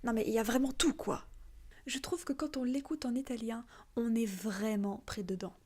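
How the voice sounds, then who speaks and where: Chatty high-voiced woman vlogger. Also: steady tone, moderate pace, darkish tone. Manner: chatty, frank, lots of fillers. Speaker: video creator. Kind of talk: casual opinion vlog.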